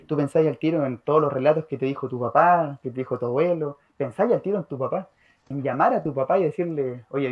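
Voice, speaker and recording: Young Chilean man, dull lo-fi sound. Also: medium pitch. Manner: earnest, slangy. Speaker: podcast co-host. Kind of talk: casual storytelling chat. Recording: dull lo-fi audio.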